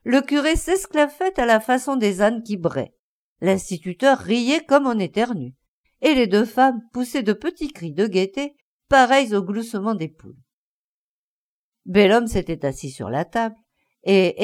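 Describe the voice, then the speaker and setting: Expressive woman reading a story aloud. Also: medium pitch. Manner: expressive, acting out the scenes. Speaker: narrator.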